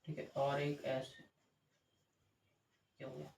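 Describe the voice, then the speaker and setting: Male physics teacher, fairly high voice, step-by-step lecture with rhetorical checks, echoey room. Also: completely flat delivery, slow pace, vocal fry, a little mellow. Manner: explains step by step, asks rhetorical checks, corrects himself. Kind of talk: classroom lecture with board drawing. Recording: echoey room with faint ambient noise.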